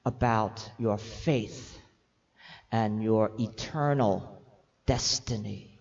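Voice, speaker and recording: A man preaching a sermon with an interpreter, animated and playful, teasing the children and stumbling over words in bursts. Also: on the low side, very slow, vocal fry. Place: church hall. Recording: echoey hall, dull sound.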